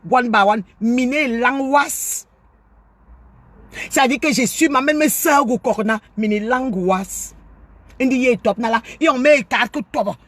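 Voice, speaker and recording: A woman delivers a combative monologue in a high voice. She scolds and lectures, repeating her points over and over. The sound is dry and close, with no room echo. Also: a little fast, few pauses. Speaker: life coach commentator. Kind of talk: angry monologue to camera.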